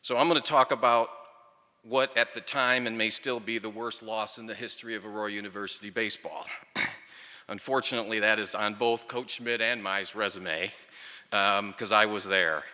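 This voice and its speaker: At a microphone in a large, echoey hall with long reverb, a middle-aged former player and coach gives a storytelling tribute speech at a ceremony. His voice sits fairly low, with fairly even intonation and a sharp tone, at a normal speed. His humour is wry and dry.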